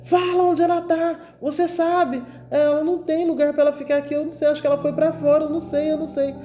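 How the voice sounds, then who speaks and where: A woman voicing a terrified twelve-year-old girl who pleads desperately, high in her own voice, over soft music. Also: unhurried, echoey room. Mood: pleading.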